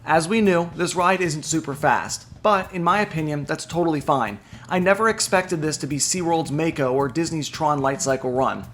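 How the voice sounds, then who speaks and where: Male narrator, high-pitched voice, scripted online video voice-over, clearly presentational and enunciated. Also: normal speed, few pauses, fairly bright tone, slight background noise. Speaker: theme park news video narrator.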